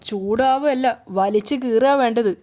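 A woman's voice: fairly high pitch, unhurried, warm tone, close to an everyday voice. A woman voicing an angry, protective middle-aged mother who scolds and orders people away. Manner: scolding, commanding.

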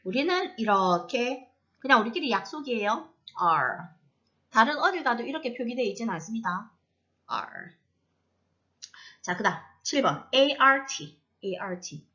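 Woman phonics teacher, slow and patient, bright, slightly dull lo-fi sound. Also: a little high, very animated. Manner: patient, repeats each word several times with emphasis. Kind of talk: slow classroom-style lesson.

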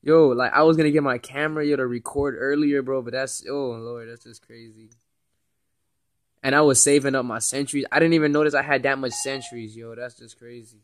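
A young man chats casually while gaming. His voice is medium in pitch and close and dry, with a slangy, teasing manner. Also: fairly even intonation, a little fast, no echo. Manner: slangy, teasing, often chuckling. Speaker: gamer recording a video. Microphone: handheld camera close by, filming a console screen.

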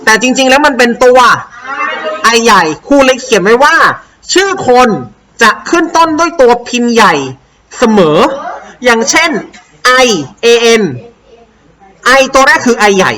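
A woman English teacher with a Thai accent, slowly and patiently explaining a worksheet to young pupils and having them repeat words. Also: a little high, animated, fairly bright tone, low-quality recording.

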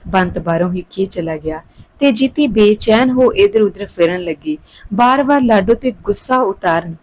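A woman's voice: mid-range voice, lively intonation, moderate pace, darkish tone, rough recording. Woman reading a family story aloud. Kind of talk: scripted story narration.

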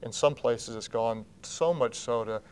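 A man's voice: mid-range voice, unhurried, a little mellow, slight background noise. A man in his thirties, a pastor speaking as a TV interview guest in a studio, earnest and often restarting his sentences. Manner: earnest, gestures with both hands, many restarts. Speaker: pastor and church founder. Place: TV studio set with blue drapes.

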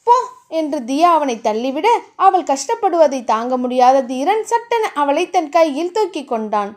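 A woman narrating a romance audiobook in an expressive, animated way. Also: sits high, normal speed.

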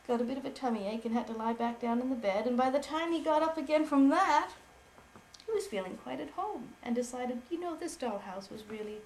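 A mother with a cold, gently making up a bedtime story for her child at home. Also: high voice. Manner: gentle, laughing between phrases. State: has a cold. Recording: echoey room, faint noise.

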